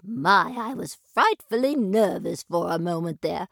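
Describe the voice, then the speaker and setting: Woman as a genteel older lady, old-fashioned manners, gravelly voice, animated pitch, unhurried, storybook podcast. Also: dry recording, clean studio sound, heavily acted. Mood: fond. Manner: prim, old-fashioned, fond. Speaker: show regular.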